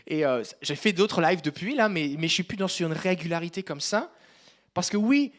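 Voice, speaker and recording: A man preaching a sermon, telling a personal story and addressing the congregation directly, turning loud and emphatic at times. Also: sits high, animated, moderate pace. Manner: rises to loud emphatic passages.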